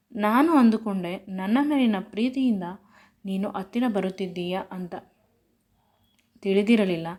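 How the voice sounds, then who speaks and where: A woman's voice: mid-range voice, warm tone, lightly acted. A woman reading a possessive young lover man.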